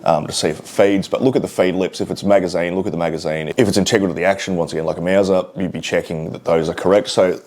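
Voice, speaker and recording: A man's voice: sits low, fairly even intonation, fast talker, hardly any pauses, a little mellow. An Australian man hosting a hunting channel, who reads out viewer comments and answers questions in a blunt, sardonic and heavily profane way. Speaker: host of a hunting and shooting channel. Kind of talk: casual vlog, reading comments and answering questions.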